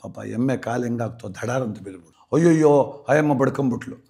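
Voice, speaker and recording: A man with a gravelly, creaky voice spins a comic village tale. He talks in an animated way and slips into the characters' voices for their lines. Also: mid-range voice, fairly quick. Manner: animated, acts out characters in quoted dialogue. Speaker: storyteller guest. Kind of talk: comic folk storytelling.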